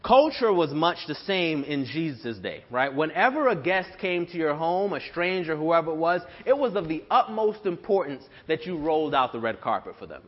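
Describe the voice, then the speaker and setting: A young man preaches a sermon in a relaxed, chatty way, often pausing on fillers and starting phrases over. His voice sits a little high for a man. The sound is dull and lo-fi, with a long reverb from the church hall around him. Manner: conversational, with frequent fillers and restarts. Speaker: pastor. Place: church sanctuary.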